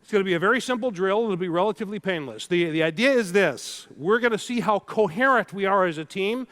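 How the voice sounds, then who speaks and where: A man's voice: high-pitched, fast talker. A man giving a keynote talk, telling a story and leading the audience in drills. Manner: animated, leads audience drills. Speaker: keynote speaker. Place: large hall before a live audience.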